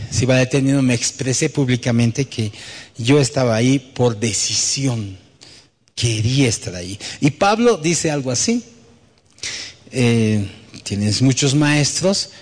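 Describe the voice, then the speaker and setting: Pastor preaching in a reverberant hall. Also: male voice, medium pitch, husky. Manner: storytelling, rhetorical questions, tag "¿no?". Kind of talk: sermon.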